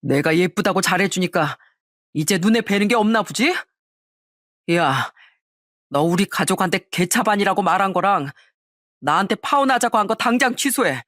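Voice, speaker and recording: A woman's voice: mid-range voice, expressive, normal speed, long pauses, no room sound, studio quality. A woman doing a hot-tempered, bullying young man. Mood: angry. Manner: shouting threats, sneering.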